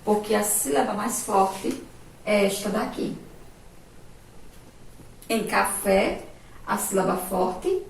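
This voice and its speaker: A woman primary school teacher from Sergipe in Brazil gives a remote spelling lesson to young children. She talks slowly and patiently and keeps asking the children if they follow. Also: mid-range voice, a little mellow, slight background noise. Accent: Sergipe Brazilian Portuguese. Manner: slow, patient, asks checking questions. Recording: echoey room, voice from a distance.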